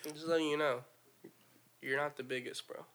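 A man co-hosting a podcast in casual chat, teasing and trolling the others with deadpan jokes. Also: fairly high pitch, fairly quick. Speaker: podcast co-host.

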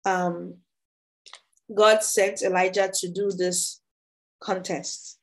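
A woman leading a Bible study, reading scripture aloud slowly and deliberately before explaining it. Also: medium pitch, level tone. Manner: slow, deliberate reading with pauses.

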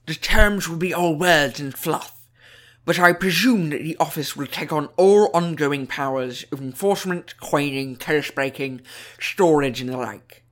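A man voices a wily goblin banker in a fantasy audiobook, using a fairly high, slightly bright voice for the character's dialogue. The goblin plays meek and agreeable, asking questions in a halting, deferential way. His manner is servile and wheedling, yet the mood stays smooth and offhand.

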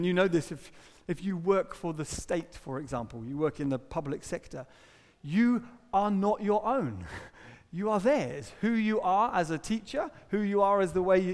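A man preaching a sermon, talking in a conversational way with rhetorical questions and quick asides. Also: sits high, darkish tone. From Britain. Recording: long hall reverb.

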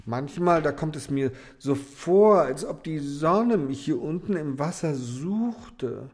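A man's voice: on the high side, animated, slow pace, a little mellow, slight background noise. A man voicing a vain, haughty female darning needle in a fairy-tale audiobook, prim and self-important.

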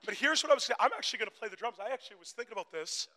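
A male preacher delivers his sermon phrase by phrase, pausing for his interpreter. His voice sits very high and bright. He climbs to shouted peaks, ringing in a reverberant church hall. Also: animated. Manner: builds to shouting crescendos. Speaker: guest preacher.

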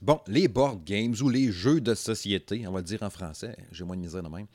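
A man's voice: on the low side, brisk, loud music behind the voice. A man from Saguenay with a Québécois French accent, hosting a casual podcast chat, talkative and laughing easily, with lots of fillers. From Saguenay, Quebec. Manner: chatty, laughing, colloquial with many fillers. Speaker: podcast host.

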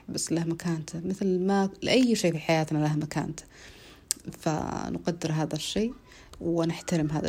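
Woman in her 30s, solo podcast host, low-ish voice, earnest, drawn-out fillers. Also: darkish tone. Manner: earnest, repeats herself, pauses on drawn-out fillers.

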